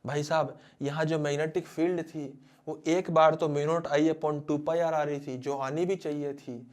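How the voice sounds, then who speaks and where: A man's voice: fairly high pitch, unhurried. A man teaching physics as a dramatic story, talking straight to his students. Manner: animated, dramatic storyteller who addresses students directly.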